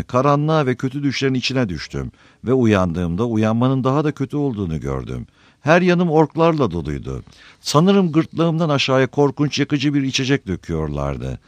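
A man voicing an exhausted, gentle male hobbit who speaks softly and tiredly in an audiobook reading. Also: medium pitch, no echo, voice pushed up, lightly acted. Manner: tired, soft-spoken.

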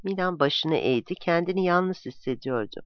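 A narrator reading a novel aloud in a dramatic, lively way, in a dull, dry, lo-fi recording. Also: medium pitch, moderate pace, no echo.

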